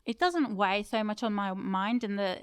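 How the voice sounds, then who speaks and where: Here the voice is medium-pitched and animated, at a moderate pace, clear and resonant, with clean studio sound and no room noise. She is a woman in her thirties, born in Turkey and raised in the UK, reflecting thoughtfully as an interview guest and frequently self-correcting.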